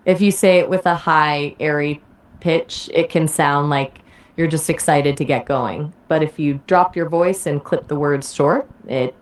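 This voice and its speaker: A woman's AI assistant voice giving polished conversational explanations, ending each answer with a question back. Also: deep voice.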